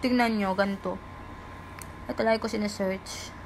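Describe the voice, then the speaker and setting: A woman's voice: medium pitch, steady tone, normal speed, noisy background. A young woman from the Philippines chatting politely on a livestream, answering fans and reading out their comments. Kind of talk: casual livestream chat.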